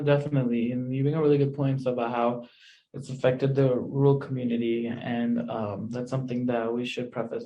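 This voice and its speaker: A man's voice: medium pitch, mellow, low-quality recording. A young man hosting a podcast interview, affirming his guest and asking long questions. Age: young adult. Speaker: podcast host.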